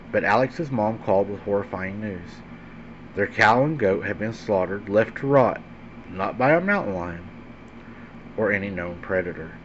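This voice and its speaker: Hosting a paranormal story show, a man with a fairly low voice narrates a horror tale with dramatic suspense, his phrasing deliberate and emphatic. The sound is dull and lo-fi, carrying a faint background hum.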